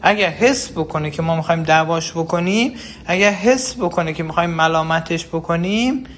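A man's voice: a little high, fairly bright tone. A man giving an earnest talk on parenting, explaining with everyday examples and speaking straight to the listener. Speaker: parenting educator.

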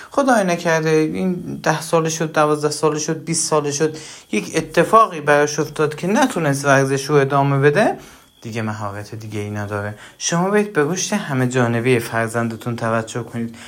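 A man lecturing on parenting in numbered tips, animated, asking and answering his own questions with everyday household examples. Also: fairly high pitch. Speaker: parenting educator.

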